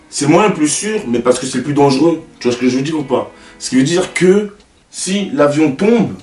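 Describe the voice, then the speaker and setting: A young man with a French accent, a YouTuber telling stories in a casual, slangy, animated way and talking straight to the viewer. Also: a little high, far from the mic. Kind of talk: casual storytelling to camera. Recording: roomy, away from the mic, faint music.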